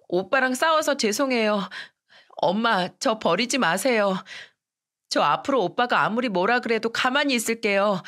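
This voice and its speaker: A woman's voice: on the high side, a bit bright, voice pushed up, close to an everyday voice. A woman voicing a frightened little girl who apologizes and pleads.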